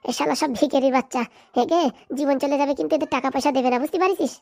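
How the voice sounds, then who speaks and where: A woman's voice: high voice, very fast, vocal fry, a little mellow. A woman voicing a greedy, scheming mother in a cartoon comedy who scolds and curses. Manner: scolding, foul-mouthed. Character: scheming greedy middle-aged mother, foul-mouthed.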